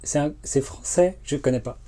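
Very deep-voiced woman. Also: moderate pace, warm tone. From France. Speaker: livestream co-host. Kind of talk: casual livestream chat. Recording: noisy home livestream audio.

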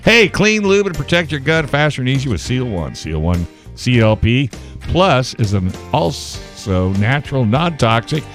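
A man co-hosting a radio show, delivering a chipper, punchy sponsor pitch like an old-fashioned ad. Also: big pitch swings, unhurried, fairly bright tone. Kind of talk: live radio banter and sponsor read in a chipper ad-pitch manner. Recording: music bed behind the voice.

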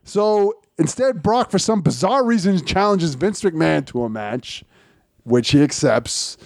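A man's voice: a little high, expressive, unhurried, darkish tone, no room sound, studio quality. A man co-hosting a casual wrestling podcast, giving blunt, opinionated takes with some swearing. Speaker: podcast co-host.

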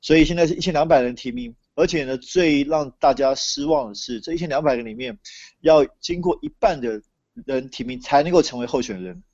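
Gravelly Taiwanese man over a dull remote link. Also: fairly high pitch, lively intonation, a little fast, darkish tone, no echo. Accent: Taiwanese Mandarin. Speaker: interview guest, political commentator. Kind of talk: conversational explanatory interview. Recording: dull lo-fi remote call audio.

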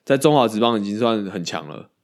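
A man, co-hosting a casual baseball podcast, animated and quick to laugh and swear. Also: fairly low pitch. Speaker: podcast co-host.

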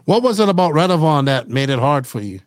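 A man's voice: fairly high pitch, very animated, quick pace, no room sound. Guy hosting a podcast, casual and pushy with questions, dry close sound. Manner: eager, presses with questions, casual slang. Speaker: podcast host. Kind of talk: casual interview chat.

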